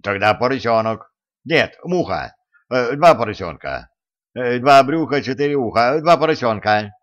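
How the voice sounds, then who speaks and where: A man voicing a nervous male merchant with a thin, high voice who blurts out flustered guesses. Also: animated, unhurried, natural voice. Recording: dull lo-fi recording.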